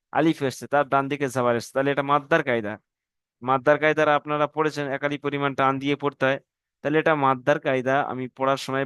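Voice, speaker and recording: A man teaching Quran reading in an online class, addressing students politely and spelling out letters slowly, syllable by syllable. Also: mid-range voice, fairly bright tone, clean tone, no room sound.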